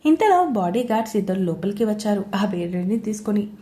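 A woman storyteller giving a scripted narration of a romance story in a steady, even reading. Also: medium pitch, fairly quick.

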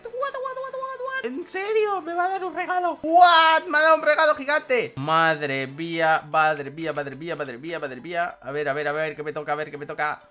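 A man giving excited gameplay commentary as a YouTuber, with loud exclamations and frequent laughter. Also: a little high, moderate pace, few pauses. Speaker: gaming YouTuber.

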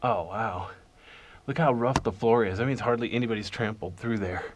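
A man quietly narrating as he explores a lava tube cave with a handheld camera, a little out of breath and muttering asides. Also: on the low side, moderate pace, background noise. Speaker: cave explorer filming himself.

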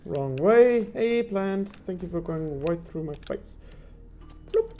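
Gaming commentator, male, mellow tone, unhurried delivery, exasperated and profane. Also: sits high, animated, slight background noise. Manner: frustrated, swearing, talking to himself. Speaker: gameplay commentator. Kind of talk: let's play commentary.

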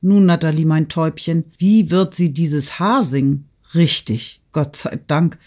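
A man's voice: on the high side, a little slow, darkish tone, close to an everyday voice. A man voicing a brooding young nobleman. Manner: brooding inner voice, forced casual tone. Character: troubled young nobleman, remorseful gambler. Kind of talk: audiobook character reading.

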